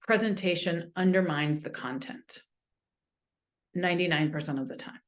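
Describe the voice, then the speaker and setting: A woman's voice: on the low side, moderate pace. A woman in her fifties gives casual, blunt, opinionated commentary as she reacts to a video.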